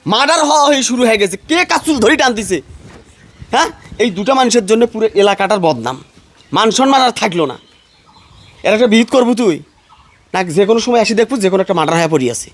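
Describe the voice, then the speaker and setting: Lecturing neighbor man, fast high voice, male cast. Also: animated. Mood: scolding. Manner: lecturing, admonishing. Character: neighbor man, scolding peacemaker. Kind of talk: melodramatic family drama acting.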